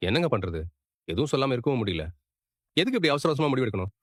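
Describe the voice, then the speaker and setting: A man's voice: medium pitch, big pitch swings, very fast, dry recording, clean studio sound. An actor playing a worried family man who speaks in a frustrated but supportive way. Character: worried family man discussing his elder brother.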